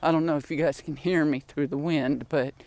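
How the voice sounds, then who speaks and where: A woman's voice: low voice, steady tone, fairly quick, darkish tone, no room sound. An older woman telling rambling stories about her family and pets in a chatty way, with laughs and sighs, walking outside in the wind. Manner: chatty, laughing, sighing asides. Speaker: vlogger. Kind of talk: rambling personal storytelling. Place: outdoors in wind, walking home with groceries.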